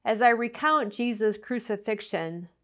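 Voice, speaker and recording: A woman giving an earnest Good Friday reflection and reading scripture at a church service. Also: a little high. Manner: slow, earnest, expressive delivery. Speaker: church speaker.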